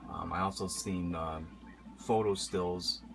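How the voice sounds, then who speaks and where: In a room lined with horror posters, a man presents a collectible horror mask in a laid-back show-and-tell vlog. His low voice is slow, peppered with filler ums and uhs, and there's background noise along with music playing clearly.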